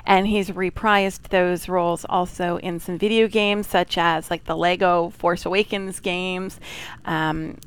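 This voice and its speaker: A woman hosting a game livestream in casual, unscripted chat, talkative and self-deprecating, with a clear, smooth voice. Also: on the low side, steady tone, measured pace.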